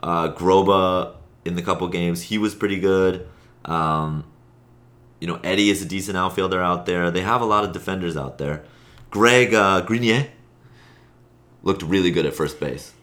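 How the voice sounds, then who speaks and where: Very deep-voiced man chatting casually. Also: moderate pace, long pauses. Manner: rambling, self-correcting, with sudden bursts of excitement. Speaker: podcast host, league player. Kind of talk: casual chat.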